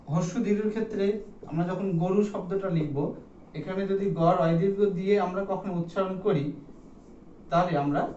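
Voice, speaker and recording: A man's voice: high voice, warm tone, slight background noise. A male teacher giving a classroom lecture, counting items aloud and asking the class questions. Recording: echoey room, distant mic, dull sound.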